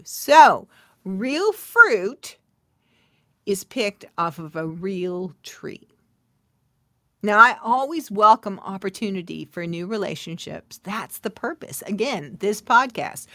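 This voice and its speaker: A middle-aged woman hosts a podcast in a medium-pitched voice with lively intonation, taking things slowly with a bright, forceful tone. The studio recording is clean with no echo. She talks playfully and directly to her listeners, tossing in asides and laughs and sometimes dropping to a whisper for emphasis.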